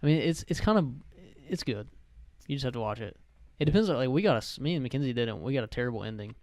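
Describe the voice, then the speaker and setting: A man's voice: medium pitch, lively intonation, quick pace, darkish tone. A young man hosting a casual podcast chat, rambling and correcting himself as he goes. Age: young adult. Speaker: podcast host.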